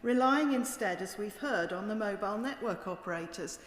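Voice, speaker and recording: A woman's voice: mid-range voice, expressive, normal speed. British woman giving an echoey parliamentary speech. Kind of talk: formal parliamentary debate speech. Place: large indoor debating chamber. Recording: echoey chamber with long reverb.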